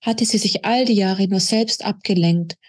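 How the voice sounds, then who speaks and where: A woman author reading aloud from her own novel in a steady, measured narrating manner. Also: medium pitch.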